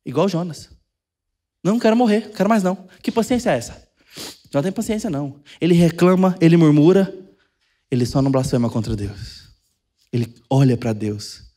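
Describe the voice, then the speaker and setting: A man with a Brazilian Portuguese accent preaching a sermon, talking conversationally, dropping to soft asides and then rising with emphasis. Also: fairly high pitch, expressive, moderate pace. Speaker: pastor. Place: church sanctuary.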